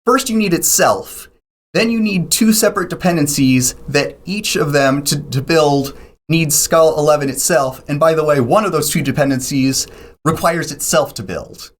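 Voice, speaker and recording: A man's voice: a little high, moderate pace. A man being interviewed on a podcast, explaining technical details at length with frequent ums and restarts. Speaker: podcast guest.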